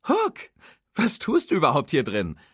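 A man's voice: fairly high pitch, huge pitch swings, a little slow, a bit bright, husky, no room sound, clean studio sound, pitched above the performer's own voice, full character voice. Lightning McQueen: a man voicing a cocky young race car. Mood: excited. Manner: cocky, self-psyching.

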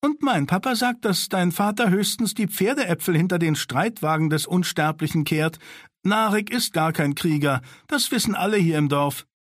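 A mean, domineering village girl snaps out orders and taunts in a high, pushy voice, as a male narrator puts her on. She hisses and grumbles with spite. The recording is dry and close. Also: big pitch swings, moderate pace, a bit bright, no room sound, full character voice. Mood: bossy, spiteful. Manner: hissing, commanding, spiteful.

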